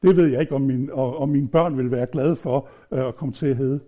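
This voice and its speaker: Mellow-voiced man preaching casually. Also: mid-range voice. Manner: informal, halting, with frequent fillers and restarts; humorous personal anecdotes. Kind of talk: conversational sermon. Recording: dull lo-fi recording.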